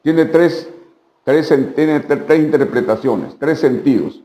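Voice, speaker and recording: A man's voice: a little high, slow, dark tone, reverberant. A man with a Mexican Spanish accent preaching a midweek sermon as pastor, asking rhetorical questions and repeating phrases for emphasis.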